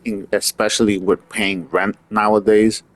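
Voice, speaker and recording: This man's voice is on the low side, with a level tone and a slightly slow delivery. He's a vlogger from Puerto Rico, offering an earnest, opinionated monologue that meanders casually through loose asides.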